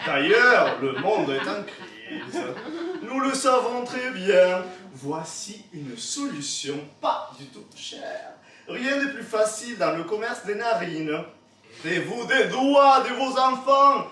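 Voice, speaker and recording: Playful slam poet with an accent. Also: male voice, high voice, very animated, slow, bright, forceful tone. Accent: non-native French. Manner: playful, teasing the audience. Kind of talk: slam poetry performance. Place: performance venue with audience. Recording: echoey hall, from far off.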